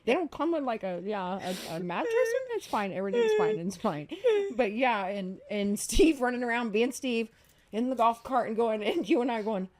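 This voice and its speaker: Woman, podcast host, laughing, animated storyteller, casual chat. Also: on the high side, normal speed.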